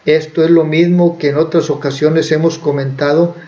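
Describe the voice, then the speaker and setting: A man's voice: a little high, steady tone, normal speed, dark tone. A man preaching, who retells a Bible story in a conversational way with fillers and self-corrections. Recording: dull lo-fi recording.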